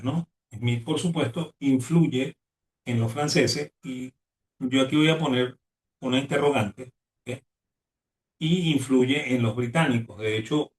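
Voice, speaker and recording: A man's voice: mid-range voice, distant mic. A man giving a university economics lecture, ending nearly every phrase with "¿ok?" and often restarting his words. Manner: constant "¿ok?" tag, restarts words. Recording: echoey room, voice away from mic.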